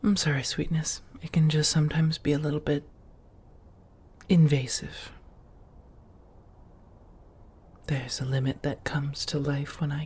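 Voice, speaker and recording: In a full character voice that sits low, a woman performs a quiet ASMR roleplay as a centuries-old vampire housemate who is genteel and affectionate. Her voice is husky and breathy, her phrasing measured and old-fashioned, her mood apologetic and wistful.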